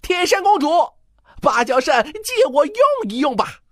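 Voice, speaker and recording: A woman's voice: high-pitched, big pitch swings, normal speed, no echo, clean studio sound. A woman voicing a cocky, mischievous male monkey king in a children's storybook, boastful and teasing.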